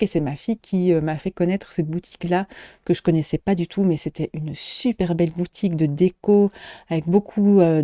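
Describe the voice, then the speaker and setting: A woman's voice: fairly low pitch, warm tone, no room sound, clean studio sound. A middle-aged woman shop owner chatting casually in a show-and-tell vlog, hesitating often with fillers and restarts.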